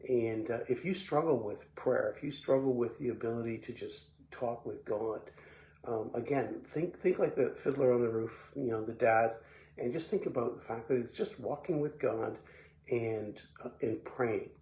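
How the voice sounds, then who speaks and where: A man from Belgium giving a short, relaxed devotional talk as a pastor, often repeating words and pausing with fillers. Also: mid-range voice. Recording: echoey room with faint background noise.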